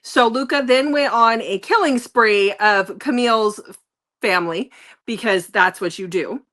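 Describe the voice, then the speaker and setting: A woman's voice: fairly high pitch, a little slow, a bit bright. A woman co-hosting a casual book review chat, gushing and repeating herself for emphasis.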